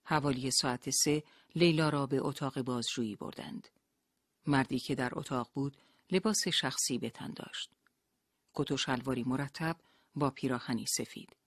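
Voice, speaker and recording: A narrator reading a novel aloud in a steady, even storytelling manner. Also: mid-range voice, dry recording, studio quality. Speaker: audiobook narrator.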